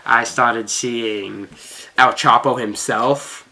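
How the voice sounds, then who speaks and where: A video host with a bright, forceful voice spins a story for viewers. The delivery is exaggerated and mock-serious, stretching key words for emphasis. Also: medium pitch, fairly even intonation, extremely slow, poor audio. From Melbourne, Australia. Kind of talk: vlog storytime, addressed to viewers.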